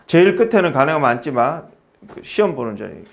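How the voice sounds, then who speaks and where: Guy teaching grammar, chatty, keeps asking then answering his own questions, kinda high voice that bounces around a lot. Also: big pitch swings, brisk, gravelly, a little hiss or hum. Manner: explains patiently in short spoken phrases, asking and answering his own questions. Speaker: English teacher. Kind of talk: casual grammar lesson in Korean.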